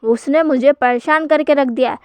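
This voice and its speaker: Woman doing a furious shouting young husband. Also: high-pitched, normal speed, no room sound, lightly acted. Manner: shouting, scolding. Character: furious young husband hunting his son.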